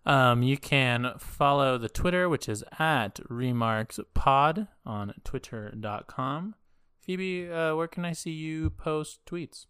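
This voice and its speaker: A podcast co-host chatting casually in an informal, halting way, hedging as they go. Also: mid-range voice, a bit bright, smooth, no room sound, studio quality.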